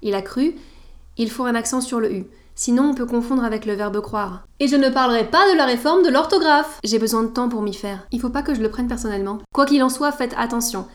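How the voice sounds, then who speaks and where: A woman's voice: a little high, a little mellow. A woman hosting a scripted educational podcast, didactic and playful with teasing asides. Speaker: podcast host.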